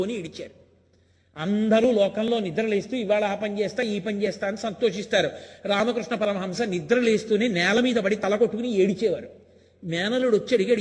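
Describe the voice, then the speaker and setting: A man's voice: sits high, long reverb tail. An older man giving a spiritual discourse, telling stories and pressing home his points with emphatic rhetorical questions. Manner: storytelling, emphatic and rhetorical, acting out quoted lines. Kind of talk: Telugu religious discourse.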